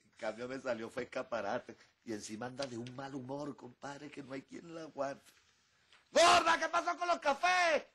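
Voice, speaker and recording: An actor playing a comic, lazy husband recovering at home in a telenovela, with a whiny, joking manner. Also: male voice, mid-range voice, steady tone, moderate pace, close to an everyday voice. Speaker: soap opera character. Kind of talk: telenovela comedy acting.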